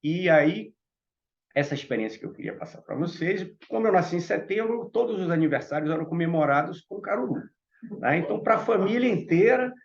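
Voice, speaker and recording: Speaking briskly in a high, expressive voice, this Bahian man from Salvador shares reflections as a Theosophical panel speaker, turning often to the audience with asides. The audio sounds dull.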